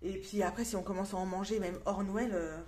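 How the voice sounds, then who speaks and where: A young French woman vlogs while coloring, chatting casually with lots of fillers and restarts. Her mid-range, darkish voice is brisk with fairly even intonation, and she mutters counts half-whispered to herself.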